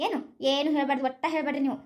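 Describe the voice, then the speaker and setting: Lady playing strict older village auntie, low bossy voice, north karnataka accent. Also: level tone, rapid-fire, lightly acted. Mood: firm instruction. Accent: North Karnataka Kannada. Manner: firm, instructing, scolding.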